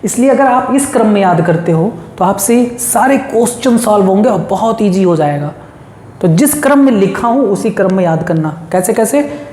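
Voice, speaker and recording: A woman's voice: mid-range voice, animated, normal speed, warm tone, slight background noise. A woman teaching a biology lesson, drilling lists of terms and repeating lines so students memorize them. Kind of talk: classroom lesson. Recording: roomy echo.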